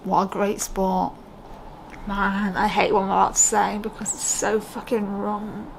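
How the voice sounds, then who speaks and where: A woman's voice: medium pitch, level tone, unhurried, gravelly, a little hiss or hum, low-quality recording. A young British woman talking to camera in a casual, unscripted way, candid and rambling, often breaking off her own sentences. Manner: candid, rambling, self-interrupting. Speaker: vlogger.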